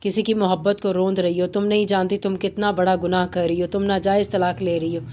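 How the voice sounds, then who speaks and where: A woman reading the lines of a proud young husband who pleads and commands, in a flat, even voice. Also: medium pitch, brisk, natural voice. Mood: desperate. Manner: commanding, desperate. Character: proud young husband, angry then helpless.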